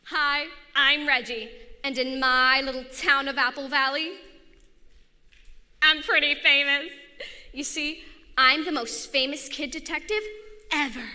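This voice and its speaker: A woman's voice: high-pitched, steady tone, measured pace, long pauses, sharp tone, voice pushed up, full character voice. A woman voicing a boastful, self-assured boy detective telling his story. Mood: cocky. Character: confident boy kid detective narrating. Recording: echoey hall.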